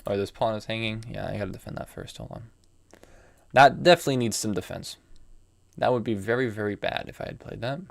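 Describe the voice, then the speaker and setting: He has a lowish voice with vocal fry. A young American man in his early twenties, he's streaming chess as live commentary, thinking through moves out loud and casually fielding chat.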